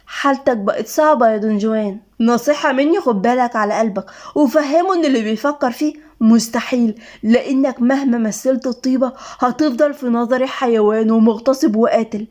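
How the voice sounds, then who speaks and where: A woman's voice: on the high side, a little fast, darkish tone, lightly acted. A woman with an Egyptian accent voicing a cold, sarcastic young wife in a storybook reading, mocking and scornful. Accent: Egyptian Arabic.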